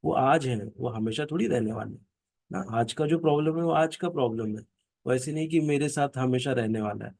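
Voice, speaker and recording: A man's voice: medium pitch, fairly quick, vocal fry, darkish tone, no room sound, studio quality. A man leading a scripture class for families, explaining verses through stories and often asking his listeners "right?". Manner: storytelling, asks "ना?" and "हाँ?" to check listeners follow.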